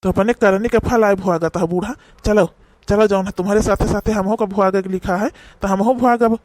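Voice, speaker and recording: A man's voice: sits high, steady tone, a little fast, darkish tone, lightly acted. A man with an Awadhi accent, voicing an older village husband who scolds his wife sternly in a cartoon. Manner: stern, reproachful rural scolding. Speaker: cartoon voice actor.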